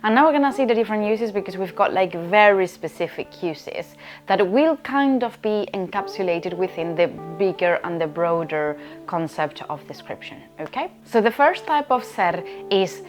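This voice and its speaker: A woman's voice: mid-range voice, animated, moderate pace, soft background music. A woman from Spain, a language teacher explaining grammar in an online lesson, often checking in with "okay?". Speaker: Spanish teacher.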